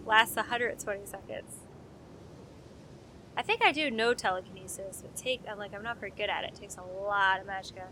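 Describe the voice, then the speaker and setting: A woman's voice: medium pitch, brisk, sharp tone, a little hiss or hum. A young woman doing let's play commentary, sarcastic and joking, reading game text aloud and swearing now and then. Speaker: gameplay streamer.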